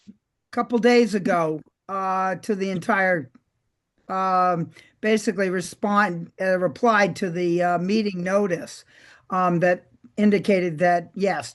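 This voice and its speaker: A woman representing a neighborhood council, giving a spontaneous update at a meeting with halting, circling explanations. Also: on the low side, fairly even intonation.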